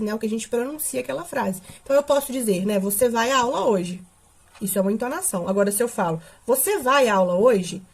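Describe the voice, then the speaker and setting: A woman teacher, explaining a grammar lesson step by step and often adding checking questions. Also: fairly high pitch. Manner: explanatory, with frequent tag questions.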